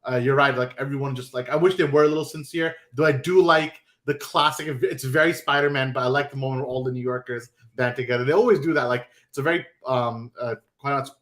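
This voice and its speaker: A man hosting a podcast and chatting casually, animated and quick, with many restarts. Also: mid-range voice. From New York. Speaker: podcast host. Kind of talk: casual chat.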